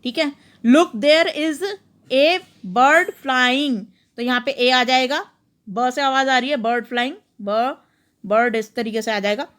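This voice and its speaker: High-voiced, slow-paced woman teacher. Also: steady tone, fairly bright tone, clean tone. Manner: patient, explains each example step by step, reads English slowly. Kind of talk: worksheet lesson explanation.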